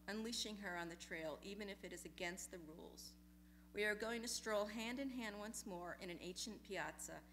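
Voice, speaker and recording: A woman reading personal essays aloud in a lecture hall, measured and deliberate, letting phrases linger. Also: mid-range voice, bright, forceful tone, a little hiss or hum. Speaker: essay reader at a memorial reading.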